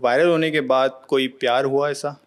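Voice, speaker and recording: A man's voice: medium pitch, fairly even intonation, moderate pace. A man hosting a podcast, asking teasing, probing questions in casual chat. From Pakistan, Karachi. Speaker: podcast host.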